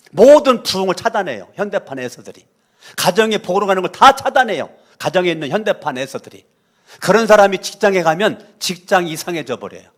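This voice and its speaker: A man pastor preaching a sermon, fervent, dropping low and then leading shouted prayers. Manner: leads the congregation in loud shouted prayers; fervent, preaching with dramatic drops and rises in volume.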